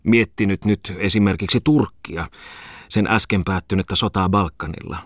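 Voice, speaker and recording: A man's voice: low-pitched, dry recording, studio quality. A man voicing a tipsy, emotional idealist who rants in a whining, pleading voice in an audiobook. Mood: ranting. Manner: whiny, pleading, rhetorical outbursts.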